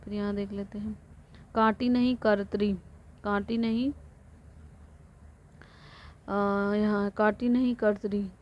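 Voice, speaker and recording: A woman teacher runs a slow, methodical vocabulary drill, reading word pairs one by one and repeating them, now and then correcting herself. Her delivery is steady and flat, with little rise or fall in pitch. The sound is slightly muffled and lo-fi. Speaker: Hindi teacher. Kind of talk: exam-prep vocabulary drill.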